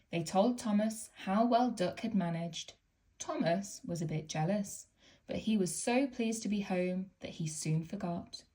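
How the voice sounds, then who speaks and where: In a fairly low-pitched voice, a woman reads a picture book for children, using a gentle, expressive storytelling style.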